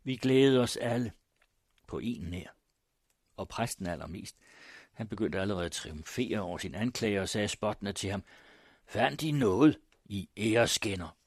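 A man narrating a first-person story in a measured, grave manner. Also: lowish voice, no echo, studio quality. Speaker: audiobook narrator.

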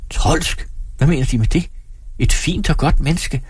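A man voicing an indignant middle-aged married lady in a spoken story, sharp and insistent. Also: fairly high pitch, breathy edge, no room sound, voice pushed up.

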